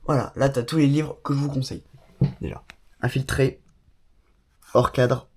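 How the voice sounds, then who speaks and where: A man from Bordeaux, France, who has a cold, gives a chatty, enthusiastic vlog tour of his small home studio, full of fillers and asides. His mid-range voice has a darkish tone and fairly even intonation at a moderate pace, with slight background noise.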